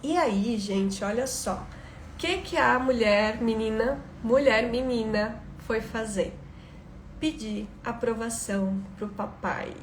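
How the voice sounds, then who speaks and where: A woman speaks in a fairly high voice. She is coaching through personal storytelling, stressing her points and turning to listeners with questions. The room echoes noticeably, with faint noise behind her. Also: slow. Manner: emphatic, addresses listeners with rhetorical questions. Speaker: online self-development coach.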